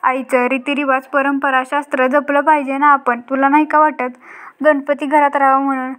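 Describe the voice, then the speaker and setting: A woman voicing a cheeky young daughter who coaxes her mother in a high, level voice. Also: little pitch movement, moderate pace, fairly bright tone. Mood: coaxing. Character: cheeky young daughter, playing along sweetly.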